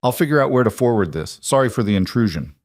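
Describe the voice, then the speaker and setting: A man's voice: medium pitch, expressive, fast, a little mellow, no room sound, studio quality, natural voice. A man voicing a tired woman doctor with a slight Southern accent, polite and apologetic. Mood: weary, apologetic.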